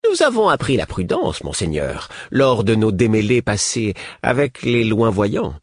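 A man's voice: fairly low pitch, wildly swooping pitch, measured pace, breathy edge, no echo, clean studio sound, pitched above the performer's own voice, full character voice. A man voicing a guarded, wary woman envoy of a hunted clan in a storybook reading.

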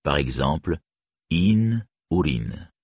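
A man reading an audiobook pronunciation guide with careful, deliberate enunciation, on a close studio mic. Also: very deep voice, big pitch swings, darkish tone, slightly rough, dry recording. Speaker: audiobook narrator.

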